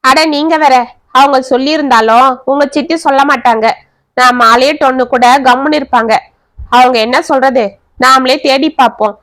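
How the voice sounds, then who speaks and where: A woman's voice: sits high, fairly even intonation, moderate pace, a bit bright. A woman voicing a curt, defensive young wife who talks back with scorn. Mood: scornful.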